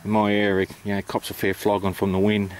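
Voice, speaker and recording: An Australian man talks through practical details in a low voice with very little melody. He is unscripted and hesitant, explaining things in a plain, matter-of-fact way. There is some noise behind him. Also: monotone, fast, darkish tone. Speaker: amateur radio operator presenting. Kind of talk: informal explanatory vlog.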